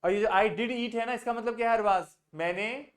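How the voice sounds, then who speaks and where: A man's voice: high-pitched, normal speed. A man with an Indian accent teaching an online spoken English class, patiently quizzing students by name and mixing Hindi with English.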